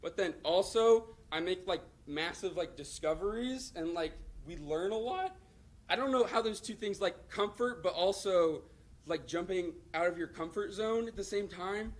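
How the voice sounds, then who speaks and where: A young man giving a halting, self-conscious thank-you speech, full of fillers. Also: high-pitched.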